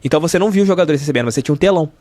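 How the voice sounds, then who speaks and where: In a podcast studio with no echo, a middle-aged Brazilian sports journalist with a Rio de Janeiro state accent is the interview guest, talking rapid-fire in a fairly high, darkish voice. He tells stories in a casual, emphatic way, repeating phrases for emphasis.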